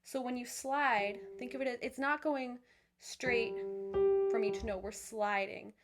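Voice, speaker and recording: A young woman who leads viewers through vocal warm-ups, encouraging and upbeat, with many fillers and restarts. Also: on the high side, a little slow. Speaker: voice teacher. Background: piano.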